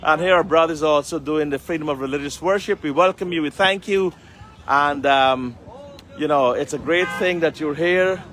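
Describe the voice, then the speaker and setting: With street noise and passing vehicles behind him, a man earnestly speaks to viewers on a city-street live stream as a community leader, using formal public-speaker phrasing. He sounds a little high and a bit bright, at a normal pace.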